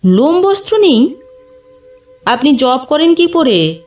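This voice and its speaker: A woman's voice: high voice, big pitch swings, takes it slowly, darkish tone, pitched above the performer's own voice, exaggerated voice. A woman voicing a proper old town widow. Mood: brisk, insistent. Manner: polished, precise, lightly insistent. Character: refined elderly town widow, brisk and proper. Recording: distant mic, faint background music.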